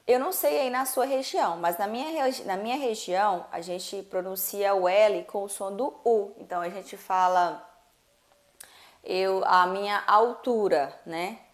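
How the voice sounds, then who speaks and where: A Brazilian woman with a Brazilian accent teaches English pronunciation in a relaxed online lesson. She stretches each example word slowly and says it again, then chats with her viewers in a mix of English and Portuguese. Her voice sits at an ordinary middle pitch. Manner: drawls example words slowly and repeats them, chatty with viewers.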